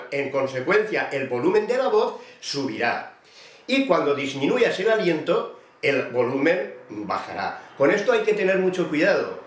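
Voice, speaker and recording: A man teaches singing technique in a calm, explanatory way, his speaking voice sitting a little high for a man. He talks straight to one student, going over each step with care. The sound is roomy, with a clear echo off the walls. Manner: patient, explanatory, addressing a student by name. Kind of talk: vocal technique lesson.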